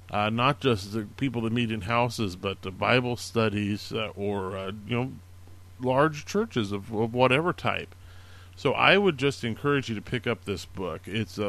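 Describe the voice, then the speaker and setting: A man's voice: medium pitch, a bit bright. A man hosting a casual show, recommending books in an earnest, encouraging way, with many fillers and restarts. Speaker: podcast host recommending books. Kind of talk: casual spoken book recommendations.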